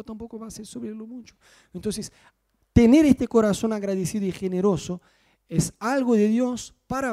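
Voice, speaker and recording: A middle-aged man preaches in a Rioplatense Spanish accent, moving between personal anecdotes and Bible verses. His voice sits high for a man yet sounds dark and mellow rather than sharp. He talks in an animated, joking way and keeps checking that his listeners follow him. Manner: animated, jokey, asks the congregation if they follow. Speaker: pastor.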